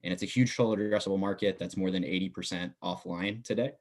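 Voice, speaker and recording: A man's voice: low voice, steady tone, fast talker. A young adult man, a business student, talking as a podcast guest in a casual interview, giving detailed answers with many filler words.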